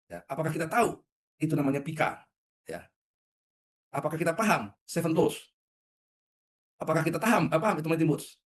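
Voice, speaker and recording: A middle-aged man giving a leadership webinar in a conversational way, often putting questions to his audience. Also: on the high side. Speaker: leadership trainer. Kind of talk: webinar talk.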